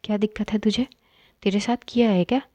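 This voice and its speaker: A woman's voice: mid-range voice, steady tone, brisk, mellow, no room sound, lightly acted. A woman voicing a brash young man who answers back rudely in a read-aloud story. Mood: defiant. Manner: rude, confrontational. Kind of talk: storybook reading.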